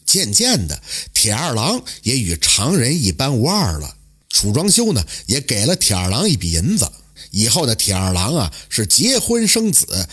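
A man narrating a traditional folk tale in a lively, dramatic storytelling manner. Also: mid-range voice, breathy edge.

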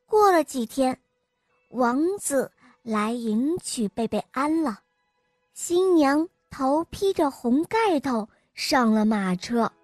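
Slow, high-voiced woman storyteller. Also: expressive, darkish tone, dry recording, faint music behind. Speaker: storyteller host. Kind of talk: children's storybook reading.

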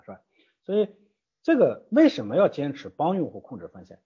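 A man's voice: mid-range voice, breathy edge, highs cut off. A man answering interview questions as a guest from an investment platform, emphatic and full of rhetorical questions.

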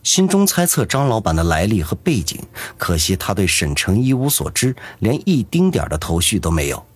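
A man narrating a serialized novel with expressive storytelling. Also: lowish voice, fairly quick, breathy edge, no echo. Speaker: audiobook narrator.

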